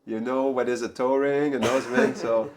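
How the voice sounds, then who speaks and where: A man's voice: medium pitch, fairly even intonation, moderate pace, noisy background, lightly acted. A man telling a story and voicing a bold, insistent young female confidante. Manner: firm, insistent. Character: Vishakha, bold female confidante, sure and scolding.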